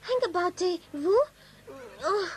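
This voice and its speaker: A woman's voice: extremely high pitch, expressive, takes it slowly, exaggerated voice. A woman voicing a ditzy young French maid in a radio comedy, with an exaggerated fake French accent. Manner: ditzy, comic French exclamations.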